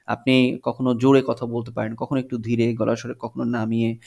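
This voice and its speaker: A man teaching an English textbook lesson on video, reading English lines slowly and then explaining them in Bengali. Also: mid-range voice, monotone, vocal fry, darkish tone.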